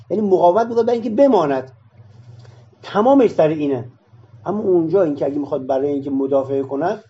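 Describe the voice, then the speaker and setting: A man's voice: sits high, warm tone, breathy edge, muffled recording. A man arguing his point in a discussion session, explaining it through rhetorical questions.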